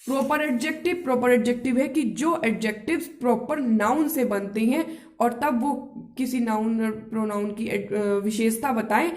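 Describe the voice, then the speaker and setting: A woman teaching a grammar lesson, explaining step by step, asking herself rhetorical questions and checking with her listeners whether it is clear. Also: on the high side, normal speed, a little mellow, roomy sound.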